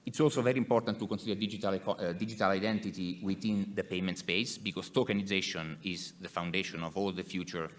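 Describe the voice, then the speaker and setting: A man with an Italian accent giving a conference presentation in English as an executive, speaking haltingly and repeating words. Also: low-pitched, fairly even intonation.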